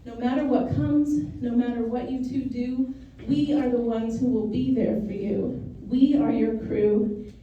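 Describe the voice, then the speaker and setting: A woman officiating a wedding, reading a rhyming homily in a measured, rhythmic way. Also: on the high side, steady tone, a little hiss or hum. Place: wedding venue. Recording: roomy, distant, dull lo-fi sound.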